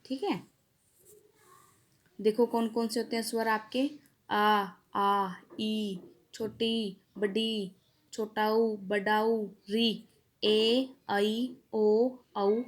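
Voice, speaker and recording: A woman teacher, giving a classroom grammar lesson, explaining step by step, asking questions and answering them herself. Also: fairly high pitch. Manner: draws out vowel sounds slowly and loudly when reciting them. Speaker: school teacher.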